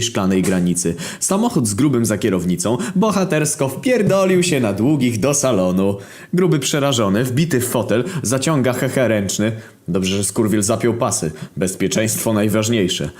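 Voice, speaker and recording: A man narrating a comic internet story in a deadpan, profane storytelling manner. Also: on the low side. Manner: deadpan storytelling, heavy swearing.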